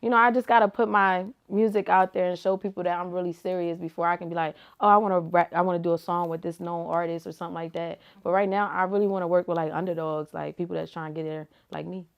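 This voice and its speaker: A woman's voice: lowish voice, flat delivery, fast, gravelly, few pauses, clean tone, dull audio. A young woman giving casual, slangy answers as an interview guest, laid-back and full of "like" and "you feel me". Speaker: rapper and reality TV personality, guest.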